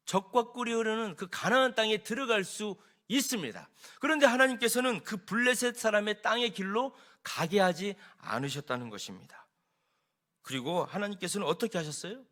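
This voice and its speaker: Male senior pastor, lively sermon delivery, bright forward voice. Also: sits high. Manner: animated preaching, rising and falling emphasis. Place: church sanctuary.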